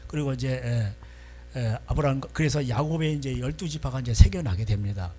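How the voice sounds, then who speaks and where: A male pastor preaching a sermon in a church, folksy and animated, constantly prompting the congregation. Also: mid-range voice, fairly quick, a little hiss or hum.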